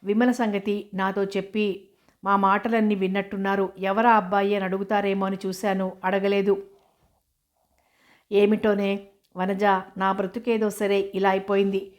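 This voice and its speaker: A woman's voice: medium pitch, little pitch movement, moderate pace, natural voice. A woman reading as a shy, anxious young woman. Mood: troubled.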